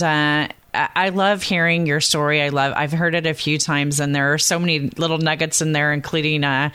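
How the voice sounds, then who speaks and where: A woman's voice: low voice, a bit bright, clean tone, dry recording. A woman in her fifties hosting a podcast, enthusiastic and chatty, with many fillers. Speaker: podcast host. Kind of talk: casual interview talk.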